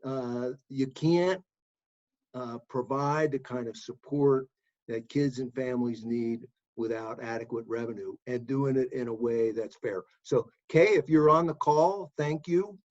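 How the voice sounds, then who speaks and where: A man from an advocacy group speaking on a video call, in a measured, sincere way with hesitant fillers. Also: mid-range voice, a little mellow. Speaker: advocacy organization staff. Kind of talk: panel remarks on a video call. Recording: muffled video call audio.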